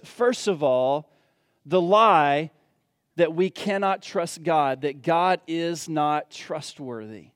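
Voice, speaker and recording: Guy preaching a sermon, kinda high voice, dry close sound, repeats stuff for emphasis. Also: no echo. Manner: earnest, repeats key phrases for emphasis.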